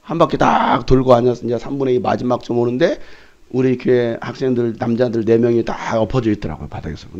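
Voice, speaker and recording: Through dull audio, a medium-pitched male voice moves a little fast as a pastor preaches in a church sanctuary. He tells stories with animation, acting out the retold scenes and shouting in them.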